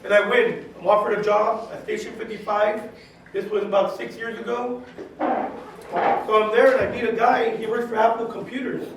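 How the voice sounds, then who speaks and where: A man's voice: high-pitched, level tone, moderate pace. A man in his forties from California, a chef speaking as a guest to a class of students in a casual, chatty, direct way, often saying "you know" and acting out what people said. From California, USA. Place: high school classroom. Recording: very echoey classroom, mic far off, faint hiss.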